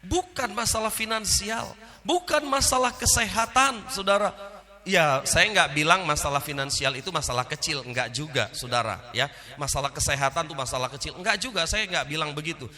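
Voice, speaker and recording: Lively preacher in an echoing church. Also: male voice, fairly high pitch, moderate pace. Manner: animated, addresses the congregation as "saudara" constantly. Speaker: pastor. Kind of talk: sermon. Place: church hall. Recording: long reverb in a church hall.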